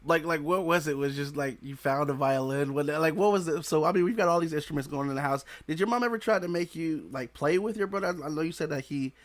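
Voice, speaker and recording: A man's voice: on the high side, fast, few pauses. A man in his thirties hosting a podcast interview on a headset mic, asking loose, rambling questions full of slang. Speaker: podcast host. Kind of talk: casual interview. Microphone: headset with studio mic.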